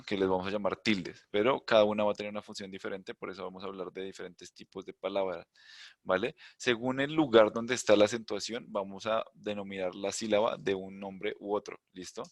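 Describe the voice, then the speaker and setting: A low-voiced man runs an online lesson through his computer microphone on a video call, the sound dry and close with no echo. He goes through things step by step, regularly checking in with "¿vale?" or "¿listo?" to make sure students keep up, and he thinks out loud, humming as he looks around the screen.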